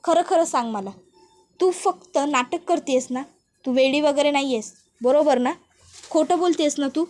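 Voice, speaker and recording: A woman voicing a brash, bullying young village man who talks in a rough rural dialect and taunts. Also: sits high, moderate pace, a little mellow, natural voice.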